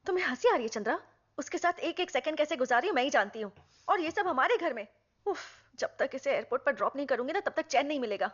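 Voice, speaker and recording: A woman's voice: sits high, expressive, fast talker. A woman dubbing a wife who complains with exasperation. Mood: annoyed. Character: house-proud wife, upset and sharp. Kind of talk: Hindi film dub. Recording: dull film dub with music.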